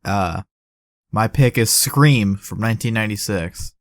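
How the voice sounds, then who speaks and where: A young man co-hosting a casual podcast, chatting and acting out movie quotes with lively energy. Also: fairly low pitch, measured pace, no echo, studio quality. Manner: animated, acts out movie quotes. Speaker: podcast co-host. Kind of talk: casual chat.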